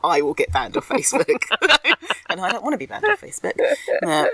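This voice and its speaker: A woman's voice: lowish voice, sing-song, a little fast, bright, forceful tone, a little hiss or hum. A woman co-hosting a podcast in casual chat, candid and a little ranty, laughing often. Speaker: podcast co-host. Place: outdoors in a garden.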